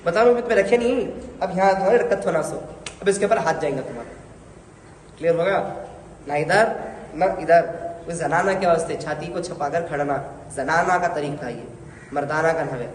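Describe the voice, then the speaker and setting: A man's voice: on the high side, normal speed. A religious teacher demonstrating prayer steps to a group of learners, correcting and coaxing them as he goes. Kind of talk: hands-on prayer instruction. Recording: echoey hall, faint noise.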